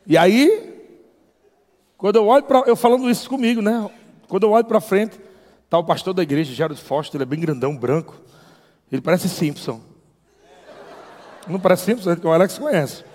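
A man telling a lively testimony as a preacher, acting out voices and laughing often. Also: high voice, moderate pace, pauses often. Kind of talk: testimony sermon storytelling. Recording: long hall reverb.

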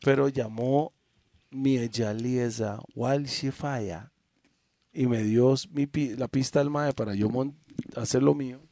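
A man's voice: medium pitch, steady tone, slow pace, dark tone, no echo. A man with a Costa Rican accent, a podcast co-host explaining his side of a dispute step by step. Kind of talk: casual podcast argument.

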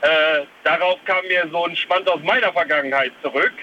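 Calling a radio show from his parked car, a man from Germany's Ruhr area tells a long, rambling story, chatty and correcting himself as he goes. His voice is a little high, brisk and sharp, and the phone line gives it a lo-fi sound.

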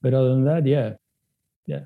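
This male guest, a native Spanish speaker raised in Sweden, has a gravelly, medium-pitched voice with fairly even intonation and a moderate pace. In a casual interview he responds haltingly, full of fillers and restarts. The recording is narrow and tinny.

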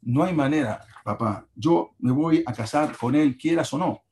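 A man voicing a determined young woman who speaks quietly and resolutely. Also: on the high side, normal speed, slight background noise, natural voice.

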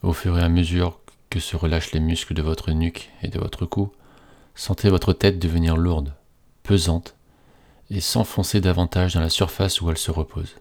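A man reading a scripted guided relaxation in a slow, soothing, hypnotist-like manner with repetitive phrasing. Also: deep voice, flat delivery, a little mellow.

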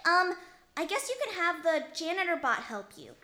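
A woman's voice: very high-pitched, sing-song, normal speed, pushed and bright, full character voice. A woman voicing a bossy young boy who is easily flustered, with a whiny, exasperated way of talking.

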